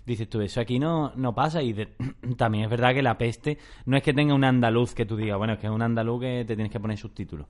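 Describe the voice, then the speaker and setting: Man, young adult, mid-pitched voice, casual podcast chat, laughs often. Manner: laughs often, quick interjections.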